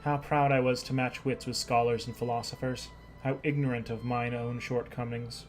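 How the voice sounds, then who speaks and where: A man's voice: mid-range voice, flat delivery, moderate pace, faint music behind, lightly acted, poor audio. A man reading aloud the lines of an earnest young male noble scholar from a game, in a plain voice with small stumbles.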